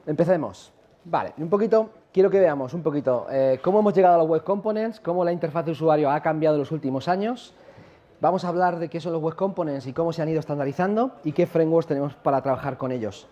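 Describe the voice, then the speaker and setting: A man from La Mancha, Spain, with a Castilian accent gives a chatty live tech conference talk, quizzing the audience and using many tag questions. His voice is fairly high and dark-toned, he talks quickly, and the recording is muffled.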